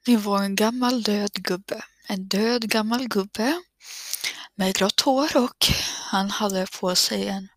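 A woman gives a whispered narration of a horror game, nervous and stammering, often cursing softly to herself. Her voice is husky and breathy, and the sound is dry and close. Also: medium pitch, no room sound.

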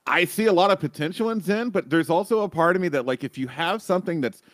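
A man's voice: high voice, fast talker, dry recording. A man on an esports panel, talking casually and thinking aloud with many hedges.

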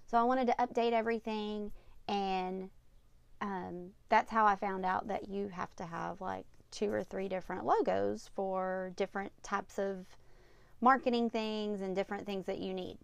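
A woman's voice: medium pitch, fairly even intonation, moderate pace, vocal fry, dry recording. A woman hosting a casual solo advice podcast, giving upbeat, tidy step-by-step tips like a vlogger. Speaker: podcast host.

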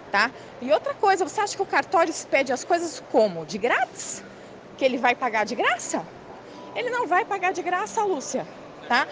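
A woman's voice: high-pitched, background noise. A woman with a Brazilian accent, a lawyer, delivering a confrontational monologue in an emphatic, repetitive way and calling a listener by name. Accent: Brazilian Portuguese. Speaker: lawyer handling a family estate.

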